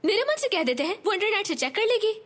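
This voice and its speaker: A woman's voice: very high-pitched, big pitch swings, fast, fairly bright tone, full character voice. A woman dubbing a fearful young woman who is terrified of germs and refuses to leave the house, talking in a pleading, anxious way. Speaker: younger sister. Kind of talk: dubbed TV drama.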